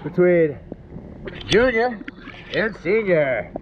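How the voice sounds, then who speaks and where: A man hosting a family vlog with playful challenge commentary, energetic and announcer-style, recorded at a swimming pool on an action camera. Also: high-pitched, takes it slowly. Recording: dull lo-fi camera sound with water noise.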